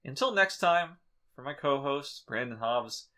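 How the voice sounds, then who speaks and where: A man's voice: mid-range voice, expressive, measured pace. A man hosting a podcast in casual chat, joking and irreverent and swearing freely. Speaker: podcast host.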